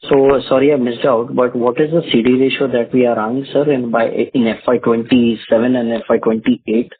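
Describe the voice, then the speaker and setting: A man's voice: medium pitch, fairly even intonation, moderate pace, a little hiss or hum. A man, an analyst on a conference call, asking polite, hesitant questions full of fillers. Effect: heard over a conference call line. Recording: tinny conference call line.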